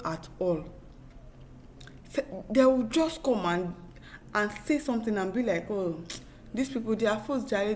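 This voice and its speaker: A woman's mid-range, slightly mellow voice comes through with a little hiss or hum. She has a Nigerian accent and hosts an opinionated news commentary, reading viewer comments with emphatic exasperation, repetition, and rhetorical questions.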